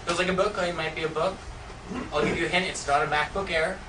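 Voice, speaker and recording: A high-pitched man performs jokey theatrical magician patter for a live audience. His voice carries across an echoey room, picked up from far off. He talks like a showman running a trick with volunteers, with loud noise over the recording. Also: steady tone, quick pace. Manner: jokey, chuckles at own jokes. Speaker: stage magician.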